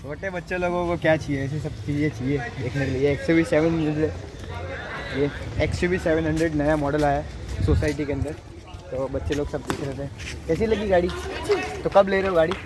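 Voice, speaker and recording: A man's voice: a little high, steady tone, fairly quick, a crowd in the background. A young man from Surat vlogging outdoors in his housing society, casually teasing and coaxing the neighborhood kids. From Surat, India. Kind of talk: casual vlog chat. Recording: noisy outdoor street.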